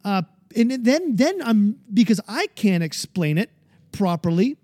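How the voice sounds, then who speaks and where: A man's voice: high-pitched, very animated, measured pace, darkish tone, no room sound, clean studio sound. A man in his forties telling his own story in a personal monologue, earnest and often searching for the right words. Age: 40s. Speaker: speaker sharing his mental health story.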